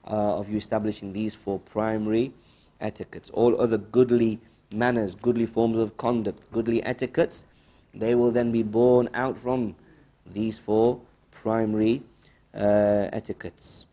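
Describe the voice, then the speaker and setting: A man's voice: on the low side, level tone, mellow. Man teaching a religious lesson, emphatic repetition. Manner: didactic, repeats phrases with emphatic pauses; mixes Arabic quotations into English. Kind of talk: religious lesson, quizzing listeners and explaining.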